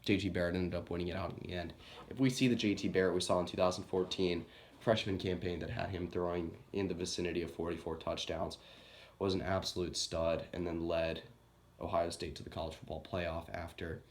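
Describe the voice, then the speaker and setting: A man's voice: low voice, fairly even intonation, a little fast, slight background noise. A young man who is sick, giving a casual, rambling college football team preview on his channel and correcting himself as he goes. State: sick, coughing. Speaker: sports YouTuber.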